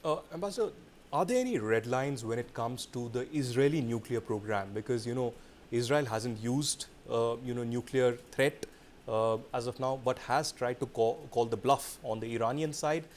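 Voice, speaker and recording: A man's voice: mid-range voice, moderate pace, a little hiss or hum. A man hosting a formal news interview, putting long, pointed questions with an emphatic build-up. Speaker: news interviewer, show host.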